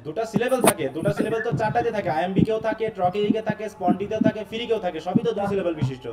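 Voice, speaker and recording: In a live online class, a man with a Bangladeshi Bengali accent teaches English, repeating points and quizzing his students. His voice is high and rapid-fire, and the recording is very noisy.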